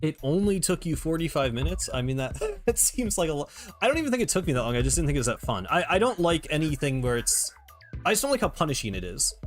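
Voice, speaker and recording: A man's voice: on the high side, very animated, quick pace. A man streaming a game, chatting casually in a rambling way with restarts and laughs. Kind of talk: casual gameplay commentary. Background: game music.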